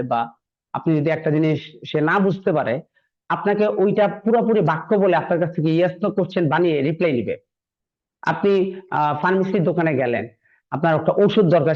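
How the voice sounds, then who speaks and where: Encouraging male English teacher, lo-fi. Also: fairly high pitch. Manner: conversational, encouraging, repeats phrases. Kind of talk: classroom lecture. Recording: dull lo-fi recording.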